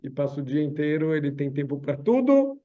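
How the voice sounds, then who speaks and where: A man's voice: on the high side, a little fast. A man, a rabbi giving a religious lesson on Psalms over a video call, who tells parables and acts them out. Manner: storytelling, acts out parables with lively voices. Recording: dull lo-fi video call audio.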